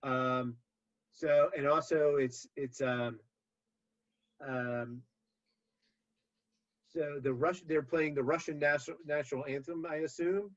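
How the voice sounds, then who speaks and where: A man's voice: on the high side, fairly even intonation, slow, long pauses. Rambling male podcast host, dull audio. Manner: rambling, many fillers and restarts. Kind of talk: casual movie rewatch podcast chat.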